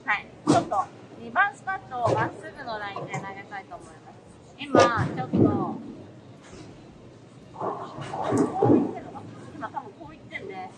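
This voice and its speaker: A young woman talks through her bowling practice, frankly criticizing her own throws. Her voice sits fairly high and moves up and down a lot. She is recorded by a camera set on the floor of a big indoor alley, with rolling balls and crashing pins loud behind her. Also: big pitch swings, brisk, pauses often, very noisy. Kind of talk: casual self-commentary. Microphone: camera on the floor behind the lane. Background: rolling balls and pin crashes.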